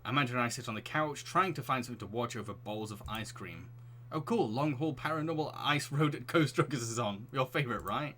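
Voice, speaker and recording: A man's voice: medium pitch, brisk, fairly bright tone. A man streaming a game, chatting restlessly with his viewers, laughing often and reading the story aloud.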